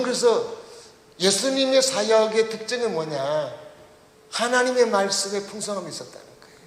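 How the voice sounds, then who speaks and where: A male pastor preaching a sermon, putting questions to the congregation and leading them through reading the text aloud. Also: high-pitched. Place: church sanctuary. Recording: echoey church hall reverb.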